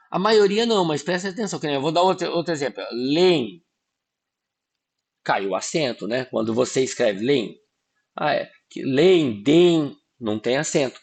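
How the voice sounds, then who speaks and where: A man teaching an online exam-prep lesson, informal, often checking in with quick tag questions and sounding out words syllable by syllable. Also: mid-range voice. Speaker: Portuguese teacher.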